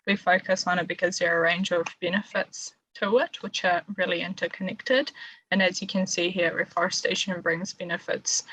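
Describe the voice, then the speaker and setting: A woman from Brazil introduces herself and presents her team's work. Her pitch stays mid and even, with little movement. The call audio is dry and slightly dull. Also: no echo. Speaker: policy analyst, presenter. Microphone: video call.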